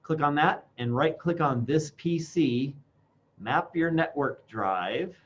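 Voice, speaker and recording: A man's voice: on the high side, expressive. Muffled male instructor in a face mask. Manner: speaking through a face mask; halting, thinking aloud. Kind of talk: informal classroom software demonstration. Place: classroom. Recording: dull lo-fi sound, faint background noise.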